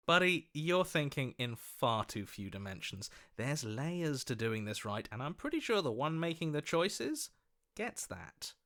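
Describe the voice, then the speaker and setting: In a video game, a man voices a scheming, flattering opportunist, with a mid-range, exaggerated voice and an oily, ingratiating, theatrical delivery.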